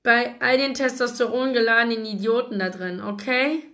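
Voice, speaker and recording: A woman's voice: a little high, steady tone, moderate pace, pushed and bright. Woman reading as a bold teasing young woman. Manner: grinning, laughing, teasing.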